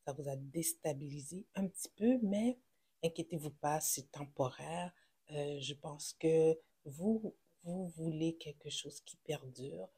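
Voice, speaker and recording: Speaking with a Québécois French accent, a tarot reader gives viewers a casual, reassuring reading in a medium-pitched, warm, slightly rough voice. Her speech halts often, with many fillers and self-corrections.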